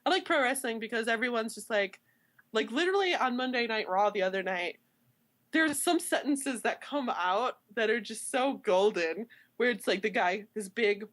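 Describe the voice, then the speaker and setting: A young woman from Chicago, co-hosting a podcast in casual chat, rambling and animated, full of "like" fillers. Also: fairly high pitch, moderate pace. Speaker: podcast co-host.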